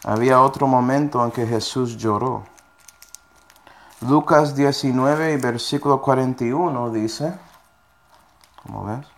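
A man delivers a sermon to a congregation at an ordinary middle pitch. He reads scripture verses aloud, then explains them. He keeps pausing to check that his listeners are following along. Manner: checks in with listeners with frequent tag questions. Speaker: preacher.

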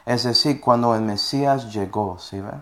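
A man's voice: medium pitch, moderate pace, fairly bright tone. Man preaching a sermon, checking in often. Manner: checks in with listeners with frequent tag questions; reads scripture verses aloud between explanations.

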